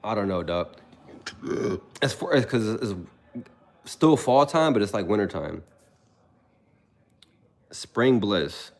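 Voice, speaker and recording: A man's voice: lowish voice, slow pace, pauses often. Young man telling stories on a livestream. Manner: animated storytelling, reads chat aloud. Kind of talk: casual livestream chat.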